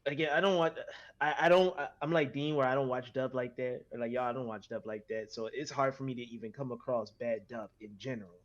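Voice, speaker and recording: A man's voice: medium pitch, brisk, lo-fi sound. A man co-hosting a podcast in casual, slangy conversation about anime. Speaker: podcast co-host.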